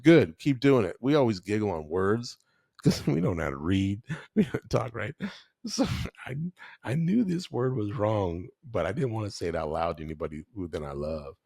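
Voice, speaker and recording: A man's voice: lowish voice, very animated, normal speed, creaky, darkish tone, no room sound, studio quality. A man in his forties chatting casually as a podcast guest, slangy and laughing often as he tells stories. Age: 40s. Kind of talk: casual storytelling chat.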